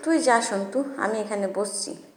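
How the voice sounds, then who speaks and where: A woman's voice: mid-range voice, a little slow, darkish tone, reverberant, slight background noise, natural voice. A woman voicing a cocky teenage boy who teases and jokes. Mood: teasing. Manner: teasing, cocky. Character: cheeky bold teenage boy.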